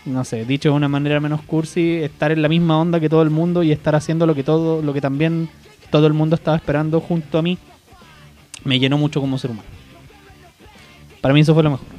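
Chilean male co-host, relaxed and reflective, pitched a little high. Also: fast. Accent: Chilean Spanish. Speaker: podcast co-host. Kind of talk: casual chat. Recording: faint music behind.

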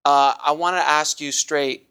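A man's voice: fairly high pitch, steady tone, measured pace, pushed and bright, smooth, no room sound. A man hosting a podcast and talking casually about his book, in an effusive, emphatic way. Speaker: podcast host and author.

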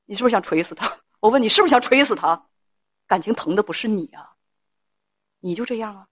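A woman's voice: mid-range voice, animated, fast talker, fairly bright tone, husky, no echo. A woman advice host scolds her caller with one pointed question after another. Her voice sits mid-range and the recording is close and dry, with no room sound around her. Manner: scolding, emphatic, lecturing with rhetorical questions. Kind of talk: call-in advice talk.

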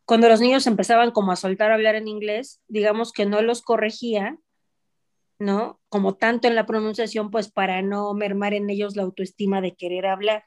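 A woman with a Mexican Spanish accent, telling lively, laughing anecdotes about her son in casual chat. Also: mid-range voice, a little fast.

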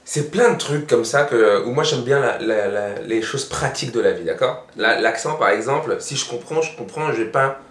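A man's voice: medium pitch, normal speed, hardly any pauses. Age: middle-aged. Sex: man. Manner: rambling comedian in an echoey room. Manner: rambling, animated storytelling with many restarts. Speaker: stand-up comedian, guest. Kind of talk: casual chat.

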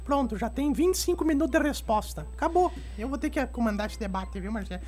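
Someone playing a high-pitched, blunt southern Brazilian woman. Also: animated, fast talker, a little mellow, close to an everyday voice. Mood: exasperated. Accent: southern Brazilian, Rio Grande do Sul. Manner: blunt, teasing, complaining. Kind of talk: comic radio banter. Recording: music bed behind the voice.

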